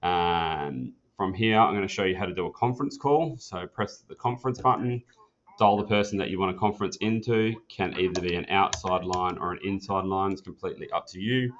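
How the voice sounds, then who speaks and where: A low-pitched man talks fairly quickly, with a little hiss or hum on the track. Acting as an instructor, he walks a learner through an office phone system in an informal, plain, practical tutorial, and the sound is dull, muffled, and lo-fi.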